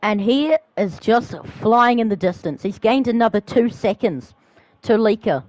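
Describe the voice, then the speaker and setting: Young man, race commentator, drawn-out delivery, excited calls, close dry recording. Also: high-pitched, dry recording, poor audio. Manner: excited, shouting at big moments, then calmer asides. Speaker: sim racing commentator.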